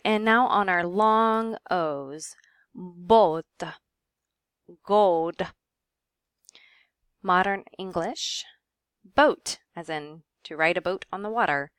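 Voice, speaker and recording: A woman's voice: mid-range voice, fairly bright tone, no room sound. Dry-voiced woman teaching pronunciation. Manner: careful, demonstrating pronunciations with frequent ums. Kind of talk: recorded lecture.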